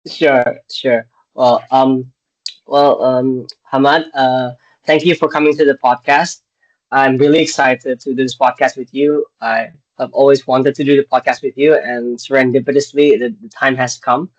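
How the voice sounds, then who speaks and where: A man's voice: mid-range voice, fairly even intonation, normal speed. Hesitant male podcast host, lo-fi sound. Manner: hesitant, many fillers. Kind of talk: casual interview. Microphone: video call. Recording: dull lo-fi video call audio.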